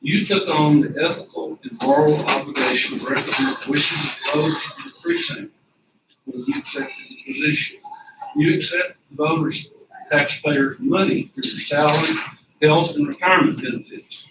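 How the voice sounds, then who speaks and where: A man addressing a county court, reading a prepared letter aloud in a soft-spoken, formal way. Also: a little high, sing-song, moderate pace. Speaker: public commenter at county court. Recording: echoey, distant, dull and noisy.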